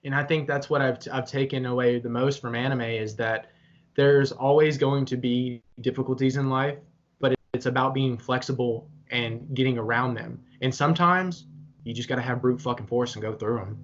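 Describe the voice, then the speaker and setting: A man's voice: medium pitch, steady tone, normal speed. A young man co-hosting a casual chat, talking earnestly and motivationally, with some swearing. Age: young adult. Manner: earnest, pep-talk delivery with some swearing. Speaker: podcast co-host. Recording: slightly dull lo-fi audio.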